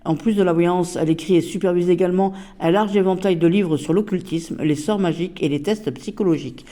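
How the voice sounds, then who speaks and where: A woman's voice: lowish voice, fairly quick, warm tone. A woman casually reviewing a tarot deck, chatty and hesitant with many fillers.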